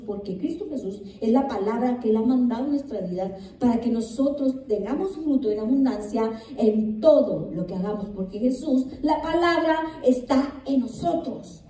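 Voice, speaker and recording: A woman's voice: on the high side, warm tone. A woman pastor preaching a sermon. She reads scripture aloud, repeats it for emphasis and asks the congregation questions. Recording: echoey room, distant mic.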